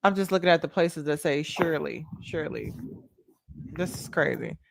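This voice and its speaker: A woman hosting a casual video-call chat, loud and animated, swearing and laughing as she reacts. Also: deep voice, moderate pace, vocal fry, dry recording. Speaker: host.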